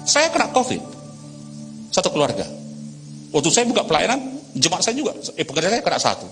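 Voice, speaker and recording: A pastor, preaching a sermon in a lively storytelling manner with acted voices. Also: male voice, sits high, brisk. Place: large church hall. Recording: reverberant church hall with music.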